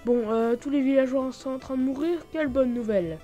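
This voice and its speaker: A woman with a fairly high voice gives a chatty, excitable gaming commentary. She breaks into sudden exclamations and scatters fillers through her talk. Soft music plays in the background. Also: brisk, muffled recording. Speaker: gaming YouTuber. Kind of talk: Minecraft mod showcase commentary.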